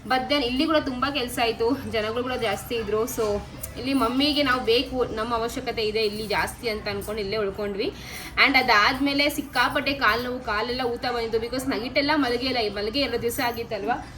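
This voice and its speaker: A woman's voice: on the high side, moderate pace, a bit bright. A young woman vlogging in a casual, chatty way, mixing English words into her talk and coaxing her relatives. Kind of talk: casual vlog chat.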